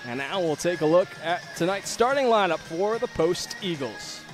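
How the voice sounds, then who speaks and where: A man's voice: high voice, animated, moderate pace, music in the background. A man broadcasting a college volleyball preview, steadily reading team notes and starting lineups. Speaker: play-by-play broadcaster. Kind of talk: pregame sports broadcast preview.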